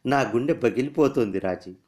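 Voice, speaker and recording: A man's voice: medium pitch, moderate pace, a little mellow, lightly acted. A man reading a story aloud, voicing a lovesick young army officer who pleads earnestly. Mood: pleading.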